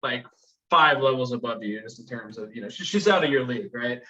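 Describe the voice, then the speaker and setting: A man's voice: mid-range voice, brisk, pushed and bright, distant mic. A young man co-hosting a podcast, talking crudely and spinning comic made-up scenarios. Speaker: podcast co-host. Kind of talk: casual chat. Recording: dull, off-mic sound.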